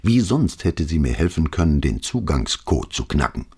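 A man's voice: rumbling low, sing-song, normal speed, darkish tone, breathy edge, heavily acted. A man voicing a cautious, diplomatic police inspector who answers his superior deferentially in an audiobook.

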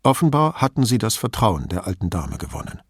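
A man narrating an audiobook with expressive, varied storytelling. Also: fairly low pitch, fairly quick, breathy edge, no room sound, studio quality.

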